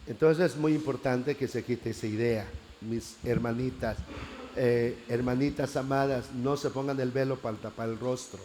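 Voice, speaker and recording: A man preaching a church class, telling his story with lively acted-out prayers. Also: medium pitch, a little hiss or hum. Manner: animated storytelling, acting out prayers.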